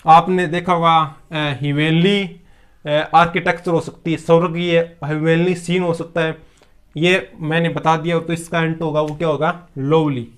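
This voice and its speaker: A man's voice: fairly high pitch, little pitch movement, measured pace, clean tone. A man teaching a vocabulary lesson, asking questions aloud and answering them himself, with English words mixed into his explanations. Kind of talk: classroom-style vocabulary lesson.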